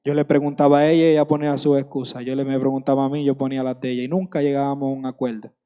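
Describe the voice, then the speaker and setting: Impassioned preacher in a reverberant hall. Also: male voice, medium pitch, little pitch movement, very fast, dark tone, smooth. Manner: impassioned, repeats phrases for emphasis. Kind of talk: sermon.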